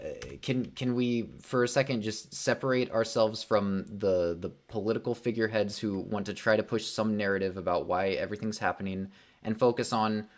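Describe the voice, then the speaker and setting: Rambling young man hosting a stream. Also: on the low side. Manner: rambling, many fillers and restarts. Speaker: livestream host. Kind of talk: casual livestream commentary.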